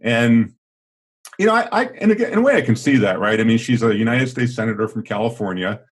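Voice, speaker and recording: A man's voice: medium pitch, animated, a little fast. A middle-aged man co-hosting a podcast, a former teacher chatting about politics, thinking aloud with hedges, fillers and restarts. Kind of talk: casual political chat.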